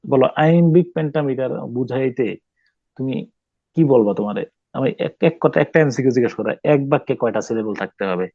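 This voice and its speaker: A male teacher giving a classroom poetry lesson, questioning students and pausing often to search for words. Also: medium pitch, creaky, dry recording, muffled recording. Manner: stops to quiz students, mixes English terms, many hesitations.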